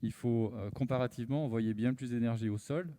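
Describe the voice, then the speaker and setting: Mellow-voiced man explaining technology. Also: medium pitch, steady tone, a little fast. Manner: careful, hesitant with many fillers. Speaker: panel speaker, engineer.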